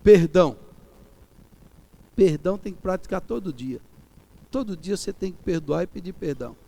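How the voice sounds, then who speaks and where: A middle-aged Brazilian pastor preaching in a Brazilian Portuguese accent, his voice fairly high and gravelly. The tone sits warm and dark. He hammers phrases again and again, going from loud emphasis to near-whispered pleading. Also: expressive, normal speed. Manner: repeats key phrases, shifts from loud emphatic peaks to soft quiet pleading. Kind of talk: sermon.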